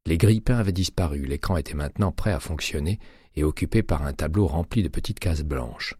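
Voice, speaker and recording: A very deep, husky male voice reads a novel aloud in scripted narration. His delivery is steady and measured. The sound is dry and close, with no room around it. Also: dry recording. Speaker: audiobook narrator.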